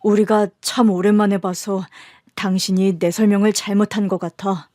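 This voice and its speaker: Woman voicing a calm company boss father. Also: medium pitch, moderate pace, dry recording, clean studio sound, natural voice. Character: powerful middle-aged man, calm company boss.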